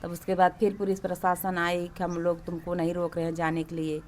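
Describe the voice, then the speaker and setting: A woman's voice: on the low side, completely flat delivery, a little fast, darkish tone. A woman with an eastern Uttar Pradesh accent, a grieving family member, describing what happened and pleading for justice in an interview. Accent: Bhojpuri-Awadhi eastern Uttar Pradesh. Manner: grieving, wailing lament then earnest complaint. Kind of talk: interview about a local crime case.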